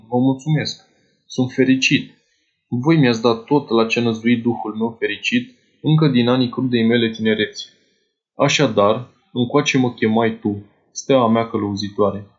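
A man's voice: mid-range voice, highs cut off, natural voice. A man voicing a wild male conqueror, lovestruck and grandiose, declaiming in lofty phrases.

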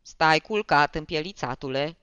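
Reader as a gruff, bullying barber who shouts orders and threats, in a storybook reading; dull and dry sound. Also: male voice, a little high, very animated, dry recording. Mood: barking. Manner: barking, menacing.

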